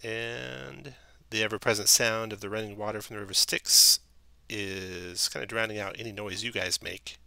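Gravelly bright-toned game master. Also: male voice, fairly low pitch, fairly even intonation, normal speed, no echo. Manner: descriptive, self-correcting. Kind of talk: narrating a tabletop game.

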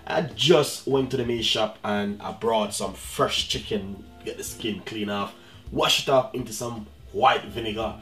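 A man's voice: on the low side, measured pace, a bit bright. Jamaican man, middle-aged, home-cooking host, easygoing chatty delivery, music bed underneath. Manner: chatty, repeats "guys" and "you know what I mean". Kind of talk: casual cooking demonstration.

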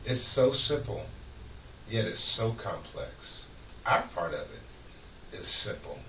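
A man's voice: lowish voice, sing-song, slow, pushed and bright, distant mic. Folksy preaching man, roomy off-mic sound. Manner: preachy, folksy, emphatic, laughs often. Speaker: radio host. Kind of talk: casual faith talk. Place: radio studio. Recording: roomy studio, off-mic, faint hiss.

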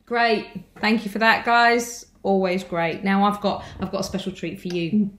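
A woman's voice: mid-range voice, moderate pace, a bit bright, echoey room. A woman of fifty, singing a song with joking asides in her home kitchen, recorded on a close-up home camera. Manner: jokey, breaks into song with asides. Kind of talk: playful singing and chat on a video call.

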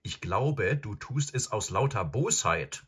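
A man voicing a stern eldest brother in a storybook reading, scolding forcefully. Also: sits low, big pitch swings, moderate pace, breathy edge, exaggerated voice. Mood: angry.

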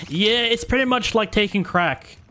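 A man's voice: sits high, moderate pace, sharp tone, slight background noise. A man streaming a video game, chatting and joking with his teammates, often stumbling over his words and restarting. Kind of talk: casual gaming chat with teammates.

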